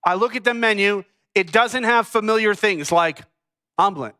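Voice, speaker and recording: Bright-voiced man preaching with playful humor. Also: high voice, normal speed, clear, resonant tone. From United States. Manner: humorous storytelling to a congregation. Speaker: pastor. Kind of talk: sermon.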